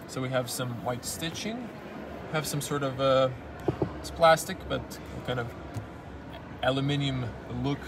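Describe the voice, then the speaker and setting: A man walking around a car at an auto show, pointing out its details in a plain, matter-of-fact way, filmed on a handheld camera. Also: mid-range voice. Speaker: car reviewer. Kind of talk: walkaround car review. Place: indoor auto show hall. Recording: noisy auto show floor.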